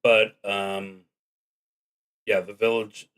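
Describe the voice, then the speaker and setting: A lowish, smooth, somewhat bright voice belongs to a man streaming a solo roleplaying game in a level tone. He reads the prompts and reasons through them aloud with halting deliberation, now and then murmuring to himself.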